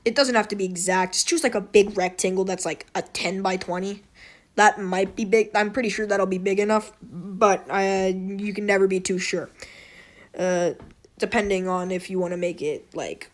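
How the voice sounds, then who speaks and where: A woman hosts an informal game tutorial in a hoarse voice with a slight wheeze. She rambles along off the cuff, often apologetic and poking fun at herself. Her pitch sits in the middle for a woman. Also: steady tone, moderate pace. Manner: rambling, self-deprecating, apologetic. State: hoarse throat. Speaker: tutorial host. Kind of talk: casual unscripted game tutorial commentary.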